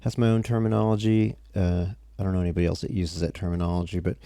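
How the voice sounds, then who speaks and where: A man's voice: sits low, flat delivery, fast talker, dark tone, no echo, studio quality. A tired man teaching music theory on a casual livestream, rambling and breaking off mid-sentence as he chats with viewers. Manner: rambling, self-interrupting, chatty with viewers.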